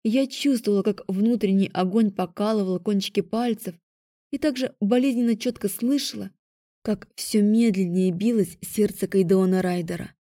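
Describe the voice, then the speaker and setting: A woman narrating a first-person audiobook in a calm, measured way. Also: mid-range voice, no echo, studio quality.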